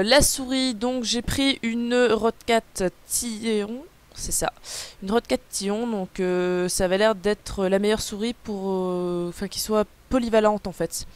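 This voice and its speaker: A woman's voice: medium pitch, clean tone. Rambling young woman livestreamer. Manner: rambling, casual, with frequent fillers; reads chat aloud and answers it. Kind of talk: live unboxing stream, chatting with viewers.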